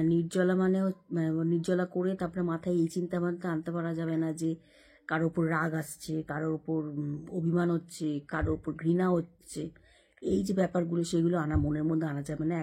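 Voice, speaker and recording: Chatty woman with a dark husky voice. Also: deep voice, flat delivery, moderate pace. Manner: chatty, rambling, explaining at length. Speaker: vlogger. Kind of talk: casual chat to camera. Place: home bedroom, lying under a blanket.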